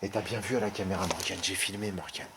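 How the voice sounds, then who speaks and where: A man with a very deep voice talks his way through an abandoned garage in a deadpan, mock-serious tone. He keeps repeating the same stock phrase. The camera mic picks up a loud, constant background noise. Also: quick pace. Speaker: co-host of a parody urban-exploring show. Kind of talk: mock-serious exploration commentary.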